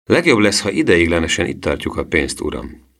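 A man voicing a brisk male bank manager in an audiobook reading, formal and businesslike. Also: sits low, sing-song, a bit bright, heavily acted.

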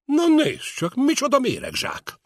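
Guy putting on a loud blustery old grey-haired man, mocking, big swooping voice, storybook style. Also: wildly swooping pitch, husky, dry recording, studio quality, exaggerated voice. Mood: mocking outrage. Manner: booming, mocking.

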